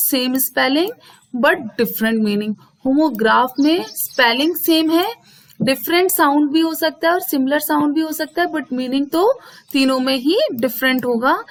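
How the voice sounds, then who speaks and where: High-voiced woman teacher. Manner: mixes Hindi and English, reads English definitions slowly. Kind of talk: explaining a school English lesson.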